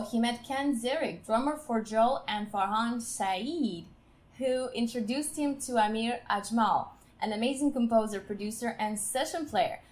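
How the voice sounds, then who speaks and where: Upbeat woman podcast host. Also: on the high side. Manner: upbeat, laughs often. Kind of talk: reading a guest introduction.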